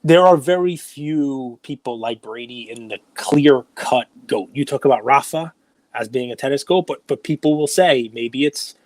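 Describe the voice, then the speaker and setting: A man's voice: mid-range voice, moderate pace, no room sound. Chatty New man in his forties. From United States. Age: 40s. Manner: animated storytelling, self-deprecating asides. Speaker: podcast host. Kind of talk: casual chat.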